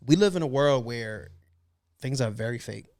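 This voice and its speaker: Man, mid pitch, podcast co-host, chatty, laughs a lot, casual chat. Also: animated, moderate pace, darkish tone. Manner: laughing, chatty, full of fillers like "you know what I'm saying".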